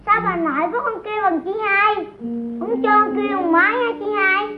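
A woman's voice: very high-pitched, a little fast, over a noisy crowd. An actress voicing a cheeky, blunt little boy who talks in a childish, stubborn way, in an old radio drama. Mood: earnest. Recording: echoey, dull old radio recording with music.

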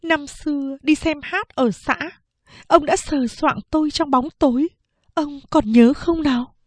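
A woman's voice: unhurried, dry recording. A woman voicing a bold young daughter-in-law with a raised, pleading tone, in a storybook reading. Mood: bold, bitter. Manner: higher, pleading tone.

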